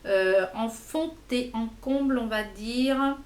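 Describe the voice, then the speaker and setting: A woman's voice: a little high, takes it slowly, a little mellow, echoey room. A woman vlogger casually reviewing makeup, chatty and enthusiastic, often hesitating and repeating herself. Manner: hesitant, many fillers and repeats; chatty, enthusiastic about products. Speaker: beauty vlogger.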